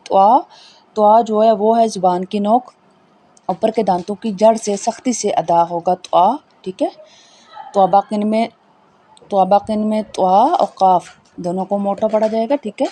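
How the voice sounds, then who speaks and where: A woman teaching a Tajweed lesson, spelling out letters slowly and patiently explaining how each one is pronounced, with faint background noise. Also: medium pitch, fairly even intonation, dark tone. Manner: slow, patient, repeats each point. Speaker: Quran reading teacher.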